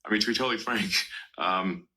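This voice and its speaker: A man's voice: lowish voice, brisk, pushed and bright. A man giving a casual interview answer, hesitant and stumbling over his starts.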